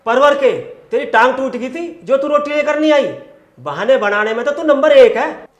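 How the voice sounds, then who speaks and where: A man's voice: high-pitched, normal speed, a bit bright, lo-fi sound. An actor playing an angry, hungry village landlord who scolds his wife sarcastically. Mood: furious. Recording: roomy echo, faint noise.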